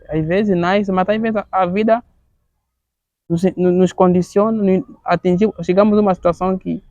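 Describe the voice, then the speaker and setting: Casting: Angolan-accented man in his thirties, fairly high and gravelly, earnest advocate whose testimony halts and repeats words. Dry, dull lo-fi recording. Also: mellow, no room sound. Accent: Angolan Portuguese. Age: 30s. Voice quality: gravelly, halting with frequent word repetitions.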